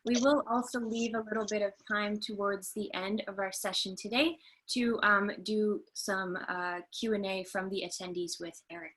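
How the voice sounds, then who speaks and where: A woman from Canada hosts a webinar interview over a video call. She talks politely, often pausing on small fillers. Her voice sits at an ordinary middle pitch. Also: steady tone, a bit bright. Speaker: host and trainer.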